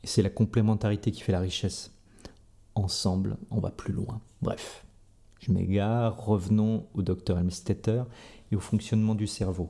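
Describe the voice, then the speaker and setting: A man hosting an audio show as an energy healer, talking calmly and conversationally, speaking straight to his listeners. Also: on the low side, moderate pace, creaky. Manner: calm, conversational, addresses listeners directly. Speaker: energy healer and podcast host. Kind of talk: reflective spoken talk.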